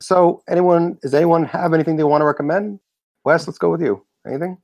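A man's voice: a little high, steady tone, fast talker, darkish tone, no echo. A man hosting a podcast, chatting casually and rambling with lots of restarts. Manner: rambling, self-correcting, many fillers. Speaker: podcast host. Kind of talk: casual chat.

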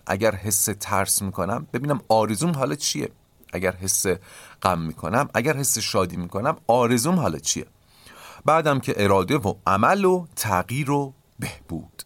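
A man hosting a podcast, calmly explaining ideas in a reflective lecture and often asking rhetorical questions. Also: lowish voice, no echo. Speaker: podcast host.

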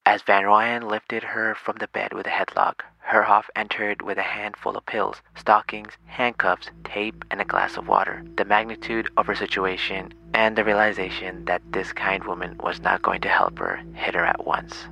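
A man narrating a scripted true crime show in a suspenseful, grave and measured storytelling manner. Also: lowish voice, little pitch movement, vocal fry, sharp tone, poor audio. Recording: music behind the voice.

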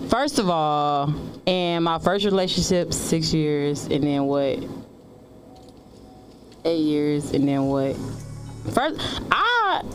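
A woman's voice: low-pitched, very animated, takes it slowly, long pauses, music in the background. A woman in her twenties, blunt and profane, chatting on a casual podcast. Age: 20s. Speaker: podcast guest.

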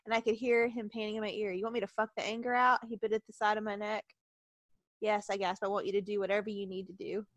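A woman's voice: mid-range voice, little pitch movement, quick pace, no room sound. A woman reading fan fiction aloud on a podcast, giggling and breaking off in embarrassment. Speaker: podcast co-host.

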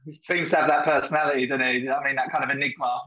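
A man's voice: medium pitch, fairly even intonation, fast, pushed and bright, highs cut off. A man with an Essex accent chatting casually as an interview guest, in a matey, colloquial way. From Essex, England. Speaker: podcast guest, former academy footballer.

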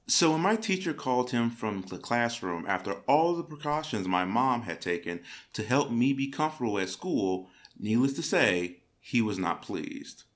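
Low-voiced man narrating internet stories. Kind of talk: reading internet stories aloud.

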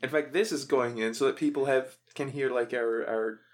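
A podcast host jokes around casually in outtakes, making wry, self-mocking cracks. His voice sits in the mid range, with fairly even intonation and a moderate pace.

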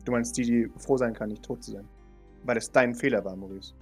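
As game master in a tabletop role-play, a man voices a stern, controlling male authority figure in a steady, husky, medium-pitched voice, a little fast, over soft background music. He repeats the other character's name and demands agreement.

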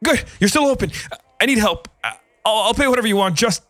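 A man's voice: medium pitch, big pitch swings, measured pace, slightly rough, dry recording. A man playing a weary, desperate man in his thirties, pleading urgently in a script reading. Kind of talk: comedy script table read.

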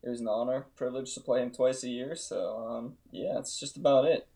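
Cocky man with a relaxed, gravelly voice. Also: mid-range voice, brisk. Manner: cocky, tongue-in-cheek. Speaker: guest league member being interviewed. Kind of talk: casual chat.

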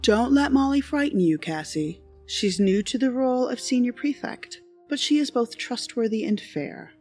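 A man voicing a graceful, composed woman who is a dorm mistress, speaking gently and reassuringly. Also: very high-pitched, expressive, moderate pace, faint music behind, pitched above the performer's own voice.

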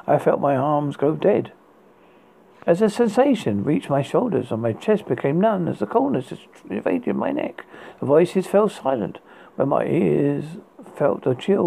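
A horror host reading dark gothic tales in a raspy, gravelly voice, dramatically but haltingly, with stumbles and repeated words. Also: medium pitch.

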